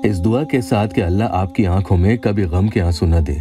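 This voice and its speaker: A man giving scripted voice-over narration of religious instruction, calm and measured, reciting Arabic verses slowly. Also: deep voice, music in the background. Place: voice-over studio.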